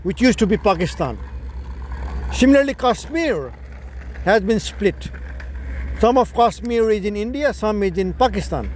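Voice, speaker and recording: High-voiced man explaining tech, outdoors. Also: expressive, measured pace, pauses often, a little hiss or hum. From Nepal. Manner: explanatory, repeats and rephrases points. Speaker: founder explaining his startup. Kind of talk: casual monologue.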